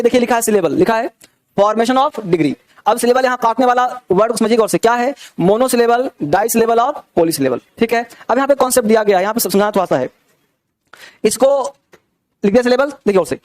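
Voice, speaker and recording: A man teaching an English grammar lesson to students. He drills examples slowly and keeps checking whether everyone has understood. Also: extremely high pitch, expressive. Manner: repeats questions to check understanding.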